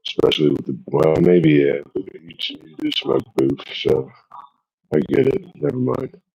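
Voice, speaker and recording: A man's voice: extremely low pitch, sing-song, measured pace, vocal fry, darkish tone, husky, muffled recording. A man in a laid-back, slangy chat. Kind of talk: casual chat.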